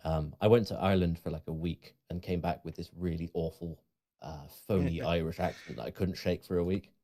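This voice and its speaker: A man's voice: sits low, steady tone, a little fast, mellow. A man co-hosting a podcast over a remote call, chatting in a jokey, playful way. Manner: jokey, plays with silly accents. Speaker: podcast co-host. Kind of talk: casual chat.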